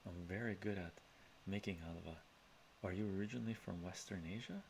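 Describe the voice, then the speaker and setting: A soft-spoken man with a deep voice hosts a relaxed ASMR live stream from a home study lined with bookshelves, reading chat and making chuckling, chatty asides with frequent "right?". Canadian and of Armenian descent from Iran, he talks fairly quickly with vocal fry. The rough recording, framed by a webcam at his desk, carries a little hiss or hum.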